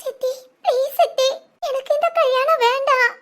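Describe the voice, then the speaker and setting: Sweet sad young bride begging, super high voice woman doing it. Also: lively intonation, a little fast. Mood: pleading. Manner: pleading, tearful, soft. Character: gentle tearful young bride, desperate.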